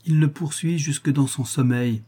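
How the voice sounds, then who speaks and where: A man voicing an excitable, doting old woman concierge who fusses in a shrill, fretful voice. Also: moderate pace, husky. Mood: excited. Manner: shrill, fretful, fussing endearments.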